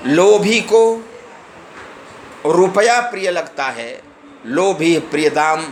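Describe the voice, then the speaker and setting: Slow, measured man expounding scripture. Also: a little high, fairly bright tone, roomy sound, slight background noise, low-quality recording. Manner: recites verses then explains them line by line. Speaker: religious discourse speaker. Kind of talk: scripture discourse.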